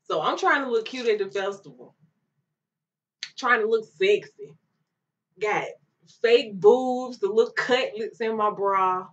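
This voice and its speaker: A young woman vlogger telling a storytime vlog in an animated way, mimicking other people's voices as she goes. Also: mid-range voice, a little slow, pauses often. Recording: distant mic, dull lo-fi sound.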